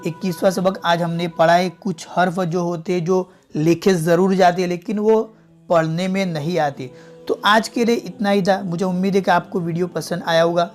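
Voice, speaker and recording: A teacher giving a recorded video lesson, patiently repeating each word and setting the wrong pronunciation against the right one, and speaking to viewers as friends. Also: medium pitch. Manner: addresses viewers directly as friends. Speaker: Quran reading teacher. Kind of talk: online video lesson in spoken Hindi-Urdu.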